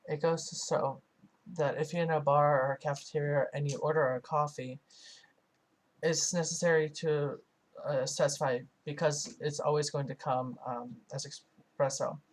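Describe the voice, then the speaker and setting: A man's voice: on the high side, flat delivery, normal speed, rough recording. Hesitant man doing a translation voice-over. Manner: hesitant, many filler sounds and restarts. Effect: live translation voiced over a foreign-language source. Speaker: student interpreter. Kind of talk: simultaneous interpretation voice-over.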